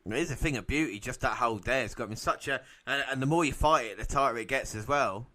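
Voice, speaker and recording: A man commentating on a wrestling match for a podcast, excitable and often laughing. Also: mid-range voice, fast. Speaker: podcast co-host.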